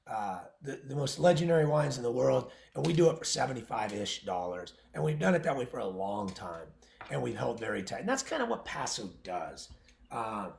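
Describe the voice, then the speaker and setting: Blunt, gravelly-voiced winery owner. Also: male voice, mid-range voice, a little mellow. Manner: blunt, opinionated, and jokey. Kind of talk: casual livestream talk. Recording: roomy echo.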